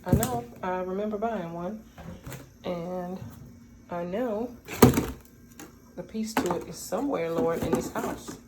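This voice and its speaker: Chatty woman vlogging at home. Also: lowish voice. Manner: chatty, talks to viewers as y'all, playful asides. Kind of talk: casual chat while doing a home craft. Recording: audible background noise.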